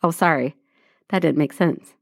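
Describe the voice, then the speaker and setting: Low-voiced woman reading aloud, wry. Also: moderate pace, no echo, clean studio sound. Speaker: podcast co-host. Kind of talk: reading a blog aloud to co-hosts.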